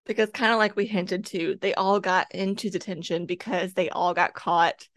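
A woman's voice: lowish voice, fairly even intonation, normal speed, a bit bright, no echo, clean studio sound. A woman chatting casually about a book with a friend over a video call, full of "like" and "kinda". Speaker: podcast co-host. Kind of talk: casual book club chat. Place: home, with her cat nearby.

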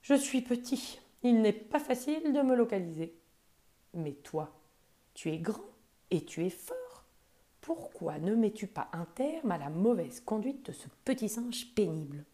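A woman's voice: medium pitch, big pitch swings, measured pace, dark tone, voice pushed up. A woman voicing a small, friendly male snail in a children's storybook, speaking in a caring tone.

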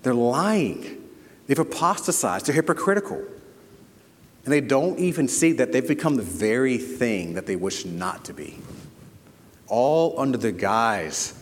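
A man's voice: medium pitch, lively intonation, unhurried, long reverb tail. A man preaching a sermon as pastor, asking rhetorical questions and leaning hard on key words. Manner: preaching with rhetorical questions and sudden loud emphasis.

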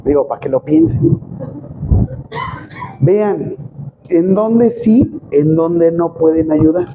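A man's voice: fairly high pitch, big pitch swings, slow. A man with a Mexican accent teaching a hands-on first aid class, joking and addressing the group directly. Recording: dull, noisy recording.

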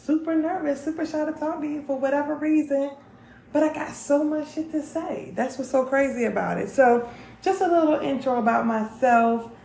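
A woman's voice: sits high, normal speed, gravelly, a little mellow, roomy sound, slight background noise, rough recording. A woman, chatting candidly to camera in a casual vlog and swearing freely. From North Carolina. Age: 30s. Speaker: vlog host.

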